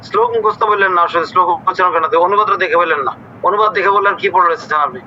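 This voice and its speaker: A man's voice: high-pitched, fast talker, bright, forceful tone, highs cut off, slight background noise. A man teaching an online scripture class, strict and scolding as he quizzes his students and corrects their pronunciation.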